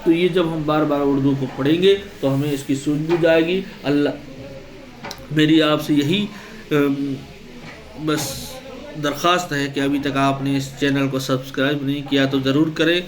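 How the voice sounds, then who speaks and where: A male teacher, giving an exam-prep lesson. He asks the class questions, answers them himself, and reads out lists of words slowly. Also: a little high, fairly even intonation. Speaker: Urdu teacher. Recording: echoey room.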